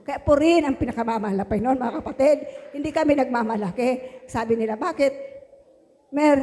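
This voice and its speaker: Woman, church testimony, fervent and praise-filled; somewhat high, mellow voice, long hall reverb. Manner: fervent, breaks into praise exclamations. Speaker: church member giving testimony. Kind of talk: religious testimony.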